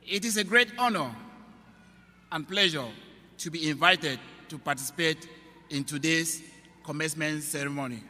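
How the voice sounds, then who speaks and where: A young man from Cameroon delivers a prepared commencement address at a podium, his voice pitched a little high and bright. He talks slowly in measured, earnest phrases, and a long reverb from the big auditorium trails after every line. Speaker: student trustee giving a commencement speech. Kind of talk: formal prepared speech. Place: large auditorium. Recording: long reverb of a large hall.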